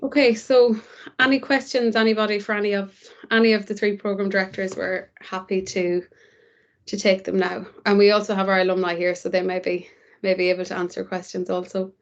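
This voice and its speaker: A woman's voice: medium pitch, level tone, a little fast, muffled recording. A woman with an Irish accent giving an informal presentation as a university programme director.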